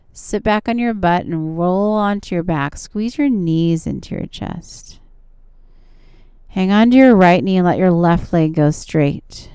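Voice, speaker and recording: A woman's voice: fairly low pitch, darkish tone, clear, resonant tone, no room sound, studio quality. A woman yoga instructor leading guided stretching and relaxation in a soothing, encouraging manner. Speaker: yoga instructor and show host.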